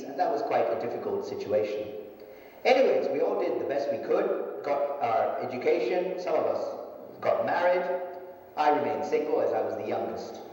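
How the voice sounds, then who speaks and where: A man in his fifties, from a Sindhi family and raised in Hong Kong and Japan, recounts his life story in a measured, even telling. His voice comes from a video played back in a big hall and picked up from far away, washed in heavy echo. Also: mid-range voice. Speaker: management consultant giving a testimony. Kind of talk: personal testimony in a video.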